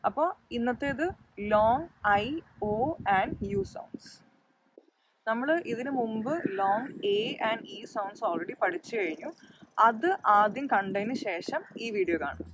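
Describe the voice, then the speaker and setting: A woman's voice: a little high, expressive, unhurried, background noise. A woman hosting her own channel and teaching English pronunciation in a patient, step-by-step explanatory lesson.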